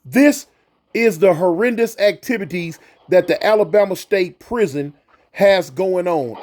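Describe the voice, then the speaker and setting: Interviewer, male, high voice; casual, emphatic, leans on repeated phrases. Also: darkish tone. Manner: emphatic, repeats answers back for stress. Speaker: interviewer, host.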